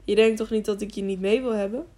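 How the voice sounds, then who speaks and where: A man's voice: high voice, fairly even intonation, fast talker, mellow. A woman reading an earnest young traveler.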